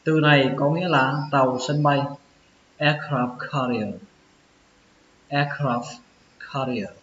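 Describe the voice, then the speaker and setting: A man giving a pronunciation lesson, sounding out each word slowly and repeating it several times. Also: medium pitch, steady tone, a bit bright. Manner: slow, drawn-out repetition of words. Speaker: English teacher. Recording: echoey, dull lo-fi with faint hiss.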